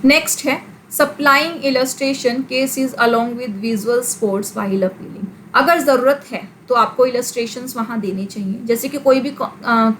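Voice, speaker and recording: A woman teaching a class, her voice sitting a touch high. She explains patiently with everyday examples, switching English terms into Hindi. A faint background hiss runs under the recording. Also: poor audio. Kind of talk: classroom lecture.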